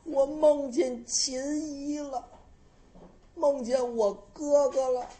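A woman's voice: high-pitched, fairly even intonation, warm tone. Storyteller putting on a fretful old noblewoman. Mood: anxious. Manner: wailing, drawn-out, anxious. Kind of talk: traditional storytelling.

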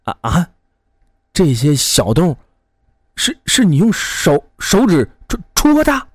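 A man voicing a hot-headed young street brawler who blusters and stammers in a high, lively voice. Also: takes it slowly, no echo, studio quality, full character voice. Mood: stammering. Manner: loud and blustering, then stammering.

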